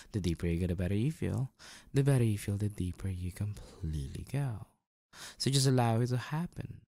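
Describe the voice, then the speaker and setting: A man guiding a listener through a hypnosis induction, giving slow, soothing instructions with casual asides. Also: low voice, no room sound.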